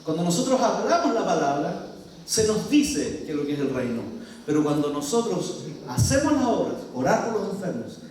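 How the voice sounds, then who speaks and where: A man preaches a sermon with a high-pitched voice, reading scripture aloud and asking the congregation questions. He is recorded from far off in a church hall with strong echo and a long reverb tail. There is a faint hiss underneath. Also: big pitch swings, moderate pace, darkish tone. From Chile. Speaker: pastor.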